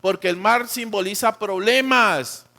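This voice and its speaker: This pastor, a man with a Colombian accent and a high voice, delivers his sermon unhurriedly, alternating forceful lines with softly dropped endings. Along the way he performs quotations, voicing God as well as members of his church.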